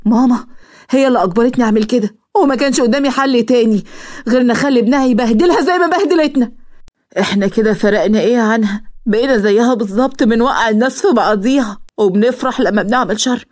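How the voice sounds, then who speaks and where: A woman plays a scheming young Egyptian woman in a cartoon story. Her voice sits a little higher than usual and stays light and sly. She keeps a tone of feigned innocence throughout. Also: fast talker, darkish tone, lightly acted. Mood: defiant. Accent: Egyptian Arabic.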